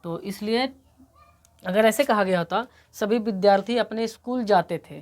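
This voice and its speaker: A woman, with a slight cold, walks her students through an English grammar lesson step by step. She keeps repeating key points and checking that everyone is following. Her voice sits in a middle pitch and is recorded close to the mic. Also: moderate pace, darkish tone. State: coming down with a cold. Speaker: English teacher.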